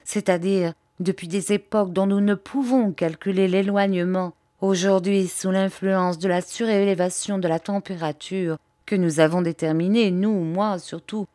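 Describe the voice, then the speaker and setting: A woman's voice: fairly low pitch, mellow, no echo, studio quality, close to an everyday voice. A woman reading aloud voices an anxious, earnest male scientist explaining a danger in an audiobook.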